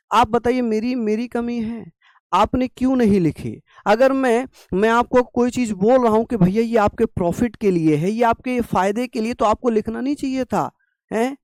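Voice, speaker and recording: A young male teacher with a very high, slightly mellow voice gives an online exam-prep lecture despite a sore throat. At a normal pace, he coaxes and scolds his students to keep taking notes. The recording is close and dry.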